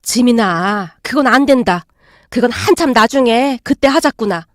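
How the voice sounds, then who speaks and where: A woman voicing a gentle, patient stepmother who speaks softly and calmly. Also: a little high, moderate pace, no room sound, studio quality, natural voice. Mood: calm firm. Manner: soft, calm, coaxing.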